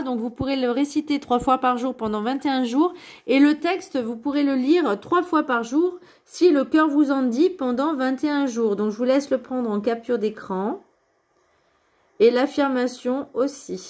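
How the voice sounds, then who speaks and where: An earnest middle-aged woman with a fairly high voice reads spiritual guidance cards aloud for the week ahead. She speaks reassuringly and directly to her viewers, often pausing and hesitating as she goes. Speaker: card reader giving a weekly guidance. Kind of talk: spiritual card reading, casual monologue.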